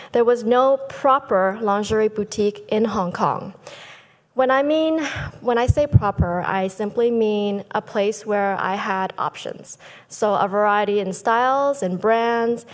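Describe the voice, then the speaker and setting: A woman in her thirties, a business founder who grew up in Thailand, giving a lively prepared talk from a lectern on a conference stage. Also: fairly high pitch. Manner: lively, gestures with both hands, speaks from a lectern. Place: large conference hall stage. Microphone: lectern microphones. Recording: long hall reverb.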